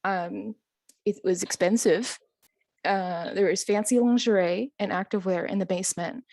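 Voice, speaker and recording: A female stand-up comedian spins a long anecdote in a chatty, self-amused storytelling set, filling pauses with ums and chuckling at her own lines. Her middling-pitched voice is darkish and fairly even, sounding close and dry with no echo or room around it.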